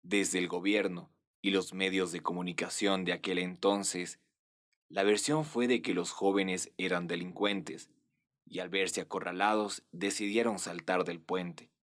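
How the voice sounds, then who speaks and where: A man reading scripted documentary narration in a measured, even delivery. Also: deep voice.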